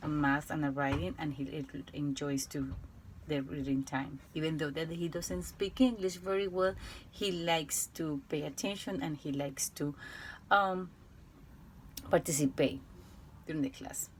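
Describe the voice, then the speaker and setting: A woman teacher from Colombia with a Colombian Spanish accent, Spanish her first language, reading a prepared report in a careful, halting way with restarts and fillers. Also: deep voice, a little hiss or hum, low-quality recording.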